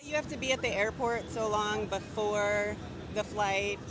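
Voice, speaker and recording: A woman's voice: mid-range voice, unhurried, a loud crowd. A woman in a street interview outdoors, reeling off complaints. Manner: complaining list-wise. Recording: street noise.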